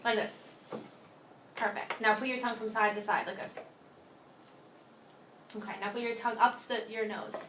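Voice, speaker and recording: A woman's voice: fairly high pitch, fairly even intonation, fast, few pauses. A woman giving short, simple exam instructions and modeling syllables to be repeated. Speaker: speech screening examiner. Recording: roomy, distant mic, noisy, clicks.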